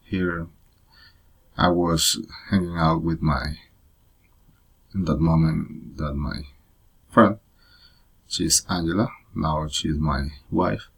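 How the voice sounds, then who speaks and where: A man from Rica, giving a halting personal presentation in learner's English, full of pauses and uh fillers. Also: a bass voice, steady tone, creaky, a bit bright, breathy edge. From Costa Rica. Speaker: presenter of a personal photo story.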